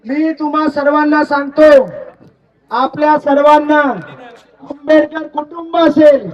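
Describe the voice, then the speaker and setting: A man's voice: very high-pitched, a little slow. Young man declaiming at a distant rally. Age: young adult. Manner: chants slogans, then speaks in a steady, declamatory way. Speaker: youth political leader and lawyer. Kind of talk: rally speech. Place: outdoor protest rally in the rain. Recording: distant, dull rally recording.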